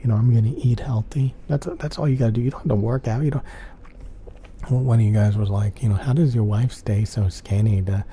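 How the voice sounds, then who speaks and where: A man with a lowish, very dark and relaxed voice chats casually in ASMR style. He is soft-spoken and tends to repeat himself as he rambles, with clear noise behind him. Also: a little fast. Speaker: ASMR channel host.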